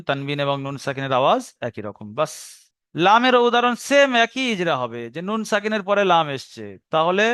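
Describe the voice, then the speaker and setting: High-voiced man teaching Quran reading. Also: a bit bright, smooth, dry recording, studio quality. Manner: explains rules step by step, repeating phrases, drawing out recited Arabic words slowly. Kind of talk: tajweed lesson.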